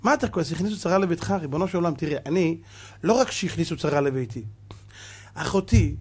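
A man's voice: fairly high pitch, darkish tone, slightly rough. A man speaking the words of a pleading biblical matriarch in his own voice during a sermon.

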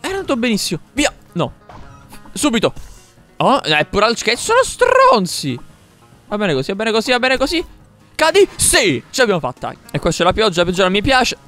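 A young man commentates his own gameplay in an excitable, high-pitched voice that swings wildly up and down. He repeats words in rapid bursts and swears at mishaps. Game music plays faintly behind him. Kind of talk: live let's-play commentary.

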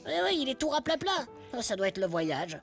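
A woman voicing an excitable young male puppet, eager and easily scared, who keeps gasping and exclaiming. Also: a little high, a little fast, gravelly, faint music behind. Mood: pleading. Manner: exclamatory, full of gasping oh's. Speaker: regular puppet character. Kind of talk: children's puppet show acting.

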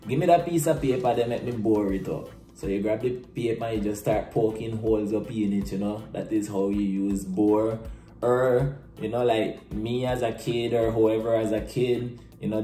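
A man's voice: medium pitch, dark tone. A young man with a Nicaraguan Creole accent, explaining things casually and conversationally with everyday examples. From Bluefields, Nicaragua. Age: young adult. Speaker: presenter explaining Creole slang. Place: small plain room indoors. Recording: roomy echo, camera mic.

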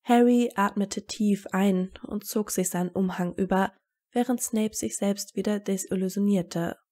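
A woman reading a fan fiction story aloud in steady narration, giving the characters their own voices. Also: medium pitch, unhurried.

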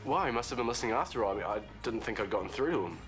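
A man's voice: medium pitch, animated, very fast, music in the background, natural voice. An actor in his twenties with a New Zealand accent plays a cheeky, eager young barman with a stammering, informal way of talking in a TV soap. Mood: defensive, earnest. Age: 20s. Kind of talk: naturalistic TV soap acting.

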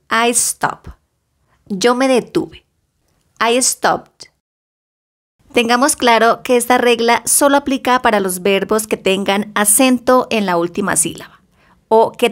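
Woman English tutor, measured bilingual lesson delivery, slightly high voice. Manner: deliberate, stretches example words, careful English pronunciation. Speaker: English teacher. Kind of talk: slow bilingual grammar lesson.

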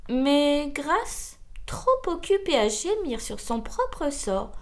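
A woman reading a children's picture book aloud in a slow, theatrical way. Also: high-pitched, sing-song. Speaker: storybook reader.

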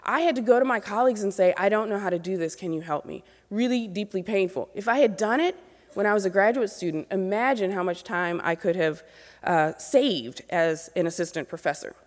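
A woman's voice: mid-range voice, brisk. A woman in her forties giving an earnest keynote lecture from a podium microphone on an auditorium stage, speaking directly to new graduate students. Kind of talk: motivational lecture. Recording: long reverb of a large hall.

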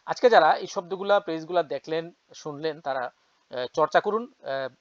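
A man giving a casual vocabulary lesson, repeating each word slowly for learners. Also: on the high side, animated, dry recording. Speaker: language teacher. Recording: dull lo-fi sound.

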